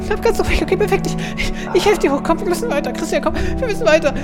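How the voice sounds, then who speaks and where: A man acting out a frantic male survivor who shouts and sobs over a dying friend in a dramatic skit. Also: expressive, normal speed, loud music behind the voice. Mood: panicked. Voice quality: shrill, shouting. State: sobbing.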